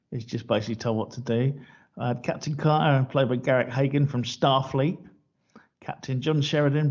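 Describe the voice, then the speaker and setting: A man's voice: mid-range voice, a little mellow. A man co-hosting a podcast, talking in a joking, rambling way about films. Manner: joking, rambling film-buff banter. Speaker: podcast co-host. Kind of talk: casual chat. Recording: dull lo-fi podcast audio.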